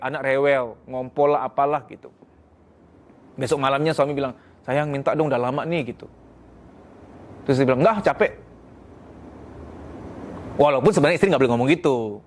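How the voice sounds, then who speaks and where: Man with a higher voice giving blunt marriage advice. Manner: blunt, earnest, animated. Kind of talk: frank advice talk.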